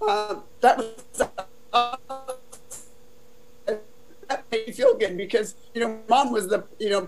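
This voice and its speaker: An older woman from Southern California, her voice deep and darkish, shares her life story casually in an interview, filling gaps with "you know." The audio is poor.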